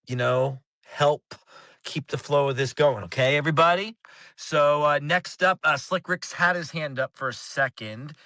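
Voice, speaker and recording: A man's voice: medium pitch, fairly bright tone, no room sound. A man hosting and moderating a live audio room, casual but firm as he keeps speakers organized. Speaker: host, moderator.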